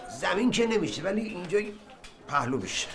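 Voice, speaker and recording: An actor playing a proud, stubborn male sweet seller in a bazaar who is quick to raise his voice, in a period film. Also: high voice, very animated. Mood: irritated.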